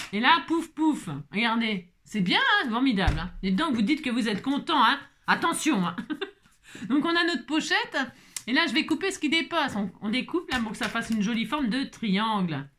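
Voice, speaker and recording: A woman hosting a casual card-making tutorial, chatty and animated, thinking aloud as she works and dotting her talk with little interjections. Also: a little high, normal speed, a little hiss or hum. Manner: chatty and animated, peppered with "hein" and exclamations; talks to herself while working, improvising aloud. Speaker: craft tutorial host.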